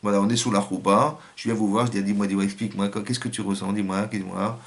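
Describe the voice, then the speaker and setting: A man's voice: on the low side, flat delivery, quick pace. A man with a French accent giving a religious lesson as a rabbi, acting out little scenes and quotes in changing voices.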